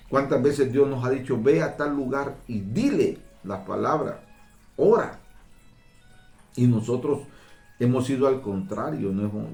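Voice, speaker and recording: A man's voice: medium pitch, gravelly, darkish tone, reverberant. A man preaching a fervent sermon who keeps calling his listeners brothers and repeats his phrases.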